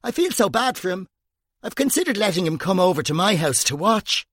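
A man's voice: high-pitched, big pitch swings, a little fast, a bit bright, no echo, clean studio sound, voice pushed up, exaggerated voice. A male narrator voicing a brash, bawdy young woman detective who tells crude stories to her colleagues. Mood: wry.

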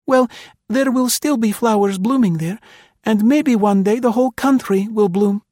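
A man reading a story aloud and voicing a hopeful, affectionate young Russian woman in a high, airy put-on voice. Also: moderate pace, warm tone, no echo, studio quality. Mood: wistful.

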